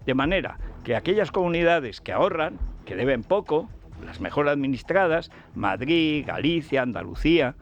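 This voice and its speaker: A man's voice: a little high, very animated, moderate pace, muffled recording. A man hosting a radio show, delivering a scornful, combative political commentary with a sarcastic edge. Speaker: radio host. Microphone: radio studio mic.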